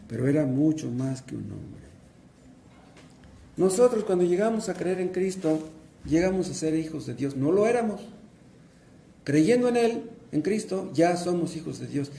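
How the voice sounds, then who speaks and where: A man's voice: a little high, lively intonation, a little slow, gravelly, pauses often, mellow, echoey room, a little hiss or hum. A man, a pastor with a Mexican Spanish accent, preaching a sermon and asking and answering his own questions.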